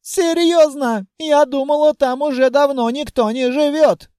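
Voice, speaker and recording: A man voicing a timid, polite female dragon who apologizes and chatters in a high, fussy voice. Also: fairly even intonation, a little slow, warm tone, no echo, clean studio sound. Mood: flustered polite.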